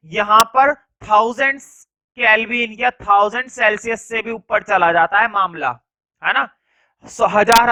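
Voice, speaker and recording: A man's voice: very high voice, pushed and bright, lo-fi sound. A male science teacher dictating class notes, repeating phrases word by word and adding casual asides with tag questions.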